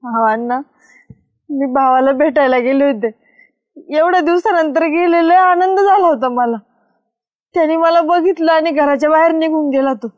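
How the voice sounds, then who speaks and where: A tearful young village woman with a rural Maharashtrian Marathi accent and a high voice. She sounds hurt and quiet, and the recording is dry and a little dull. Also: moderate pace, pauses often, no room sound. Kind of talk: village family drama acting.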